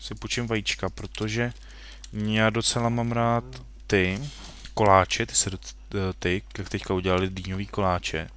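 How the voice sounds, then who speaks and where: Young male gamer, lowish voice, loose rambling play-by-play into a computer mic, self-correcting, playful asides. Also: little pitch movement, a bit bright. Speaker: gaming video host. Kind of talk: casual Minecraft let's play commentary.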